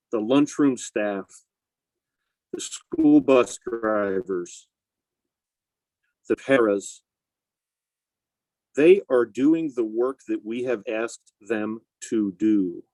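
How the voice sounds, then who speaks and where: A man gives public meeting remarks through a face mask, his voice slightly muffled. He speaks in a measured, deliberate way with emphatic phrasing, and the sound is dry with very little room echo. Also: mid-range voice, dark tone. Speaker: school board member, substitute teacher. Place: inside a school building.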